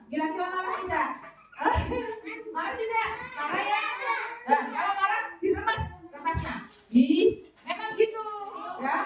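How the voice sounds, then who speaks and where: A woman primary school teacher with a Javanese accent, coaxing children with playful questions. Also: extremely high pitch. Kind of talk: classroom lesson with children. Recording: roomy, far from mic, noisy class. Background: children chattering.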